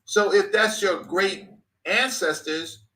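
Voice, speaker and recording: Emphatic man, 50s, higher bright voice, repeats for emphasis. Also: slow, poor audio. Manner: emphatic, repeats phrases for stress. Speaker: guest speaker. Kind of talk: passionate conversation.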